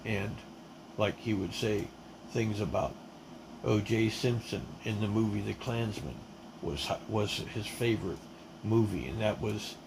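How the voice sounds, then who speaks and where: A man's voice: fairly low pitch, a little slow, noisy background. A man telling his life story in a casual, rambling way, full of restarts, blunt and emphatic. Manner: rambling, with many fillers and restarts. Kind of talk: casual spoken testimony.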